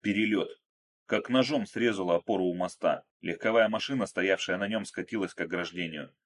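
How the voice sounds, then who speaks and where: A man narrating an action story in a steady, measured, dramatic reading. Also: low voice. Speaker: audiobook narrator.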